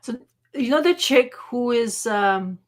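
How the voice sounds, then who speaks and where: Animated woman in casual chat. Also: on the high side, slow. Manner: animated, trails off and restarts mid-sentence. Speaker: podcast co-host.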